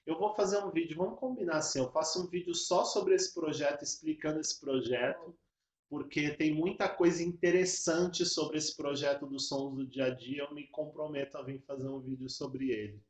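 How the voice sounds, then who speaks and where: A man's voice: on the high side, moderate pace. Echoey man teaching a children's game. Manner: explains step by step, chants rhythmic syllables. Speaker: music educator. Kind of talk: casual teaching video. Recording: echoey room.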